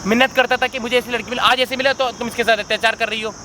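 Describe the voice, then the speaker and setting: A man's voice: very high voice, fairly even intonation, very fast, sharp tone, slight background noise. Young man playing a heated young husband. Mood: pleading. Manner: heated, pleading, indignant. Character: young husband defending his wife against his mother. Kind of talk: village family drama acting.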